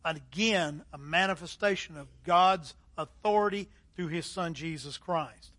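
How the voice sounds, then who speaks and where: A middle-aged male pastor with a high, bright voice delivers a sermon. He leans on key words with long pauses, rising loud on some phrases and dropping low and quiet on others. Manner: emphatic preaching with dramatic pauses and swings in loudness.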